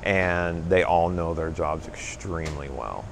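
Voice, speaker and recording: A man's voice: low-pitched, measured pace, vocal fry. A middle-aged man on a tour of a print facility, eagerly explaining each step of the machines and the operation. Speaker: print and mail manager. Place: large warehouse and print floor indoors.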